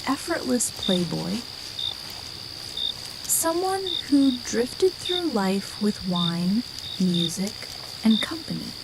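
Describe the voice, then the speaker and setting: A woman tells a sleep story in an ASMR whisper. Her delivery is very slow, yet the pitch moves about in a lively way. Clear night ambience with crickets sits behind her voice. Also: heavy background noise. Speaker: storyteller narrator.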